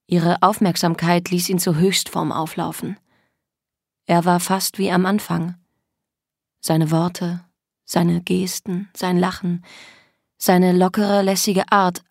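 A woman narrating a novel in a calm, measured storytelling voice. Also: lowish voice, gravelly, dry recording, studio quality. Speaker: audiobook narrator. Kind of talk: scripted narration.

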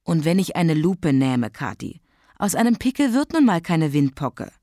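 Patient young mother, read by a woman, low-ish voice, calm and matter-of-fact, dry close sound. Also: moderate pace, dry recording. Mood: teasing.

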